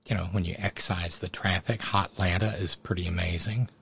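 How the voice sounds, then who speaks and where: A man's voice: sits low, fairly even intonation, normal speed, creaky, a bit bright, slightly rough. A man hosting casual live political commentary in a sardonic, mocking manner. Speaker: host of political commentary show.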